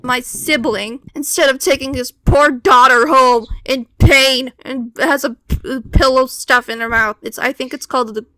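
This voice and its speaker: A woman's voice: high voice, steady tone, a little slow, bright, forceful tone, no room sound, rough recording. A teenage girl telling a personal story casually, with wry, exasperated complaints and acted-out quotes.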